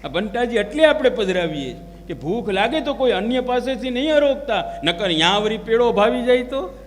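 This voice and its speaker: High-voiced man preaching in a hall. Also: big pitch swings, normal speed. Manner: storytelling with rhetorical questions. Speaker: religious preacher. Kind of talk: devotional sermon. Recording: long hall reverb with faint music.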